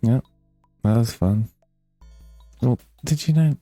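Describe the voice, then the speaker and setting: A man's voice: mid-range voice, takes it slowly, mellow, faint music behind. A man rambling casually while playing a game, swearing freely and making fun of himself. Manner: rambling, swears a lot, self-deprecating. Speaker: let's play gamer.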